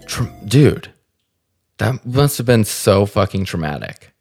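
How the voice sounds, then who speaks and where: A man's voice: on the low side, slow pace, gravelly, husky, faint music behind. A man from the Salt Lake area hosting a podcast, telling a funny story casually, swearing freely and laughing at himself. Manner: swears freely, animated and self-deprecating. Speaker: podcast host.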